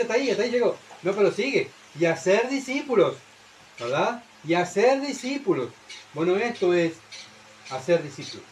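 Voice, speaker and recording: A man's voice: high voice, a little mellow, a little hiss or hum, rough recording. A man with a Uruguayan Spanish accent preaching a sermon in church, who keeps asking the congregation rhetorical questions and checking with "¿verdad?".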